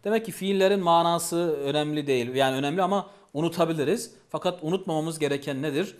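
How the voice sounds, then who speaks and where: Male teacher, patient and repetitive, voice a touch high. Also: quick pace. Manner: patient, repeats each phrase and asks questions. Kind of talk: language lesson.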